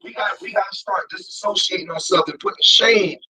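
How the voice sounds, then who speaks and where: A man's voice: high-pitched, brisk, crowd noise, poor audio. A man in his forties, joining the livestream over his phone, talking about street life and lecturing with rising heat. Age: 40s. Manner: preachy, grows heated and louder. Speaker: guest. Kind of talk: casual talk on a livestream.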